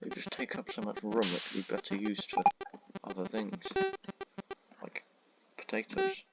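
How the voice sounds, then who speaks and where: A man with a monotone voice giving rambling, self-deprecating commentary on his own gameplay, full of ums. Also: fairly low pitch, fairly quick, gravelly, loud music behind the voice, rough recording. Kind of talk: casual let's-play commentary. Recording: loud background noise and keyboard clicks.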